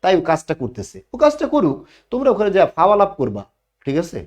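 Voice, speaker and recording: A man's voice: high-pitched, huge pitch swings, quick pace. Man teaching a class. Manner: explanatory, asks questions and answers them himself. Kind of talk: online class lecture.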